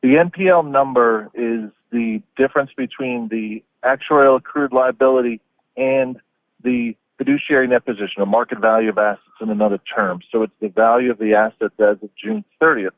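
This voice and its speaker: A man's voice comes through a phone call, thin and tinny like a narrow phone line, with a dry, close sound and no room around it. He explains figures in a measured, even way, pausing often with ums. His pitch sits in the middle of the male range. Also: no room sound. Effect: heard over a phone call. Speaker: pension staff member calling in. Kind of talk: meeting explanation. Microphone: phone or headset on a call.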